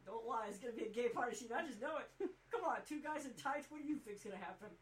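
A man's voice: very high-pitched, fast, slight background noise. A man co-hosting a podcast in casual chat, sarcastic and prone to ranting. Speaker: podcast co-host.

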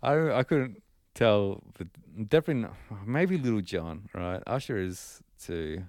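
A man's voice: fairly low pitch, lively intonation, unhurried, darkish tone, no echo, studio quality. A man co-hosting a podcast, talking in a laid-back, joking way with plenty of swearing. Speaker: podcast co-host. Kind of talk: casual chat.

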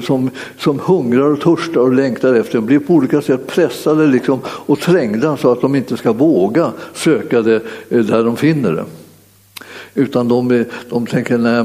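A man preaching a sermon and telling a personal story, halting and repeating himself with many fillers and restarts. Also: medium pitch, warm tone. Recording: long hall reverb.

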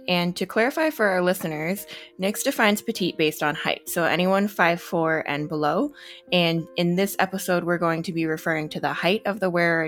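A woman co-hosts a podcast in a fairly low voice, with light music faintly underneath. She trades friendly jokes, then reads a warm introduction for her guest. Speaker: podcast co-host. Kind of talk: podcast hosting and banter.

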